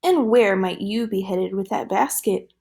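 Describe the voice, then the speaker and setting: A woman voicing a sly scoundrel man who squeaks in a high, funny voice while disguised as a grandmother in a storybook. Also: measured pace, creaky, darkish tone, husky. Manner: gloating cackle.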